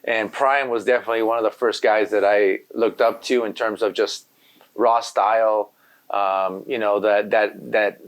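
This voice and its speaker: A Los Angeles man with a mid-range voice, a Spanish-speaker by birth who does graffiti, talks casually as an interview guest. He's laid-back and rambling, filling his speech with "you know."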